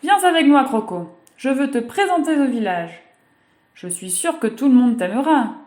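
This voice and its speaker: A woman voicing a frightened, excitable little girl in a storybook reading, with shrill wailing cries. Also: normal speed, roomy sound. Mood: eager.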